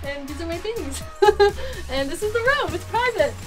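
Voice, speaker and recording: A woman's voice: extremely high pitch, lively intonation, moderate pace, over loud music. A young woman chatting in a giggly, light-hearted way as a crew member aboard a sailboat. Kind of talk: casual vlog. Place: aboard a sailing catamaran.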